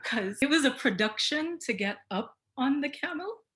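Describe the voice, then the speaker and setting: A woman's voice: high voice, animated, moderate pace, fairly bright tone. Middle-aged woman telling anecdotes on a call. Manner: chatty, tells anecdotes. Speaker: guest. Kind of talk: casual video-call chat. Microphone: video call.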